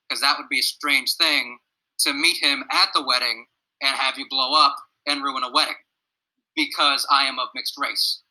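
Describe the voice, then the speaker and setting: A young adult man who teaches middle school talks earnestly with his students over a video call, sharing a personal story. His gruff voice is a little high, pushed, and bright, the recording is rough, and he's reflective and asks the students questions.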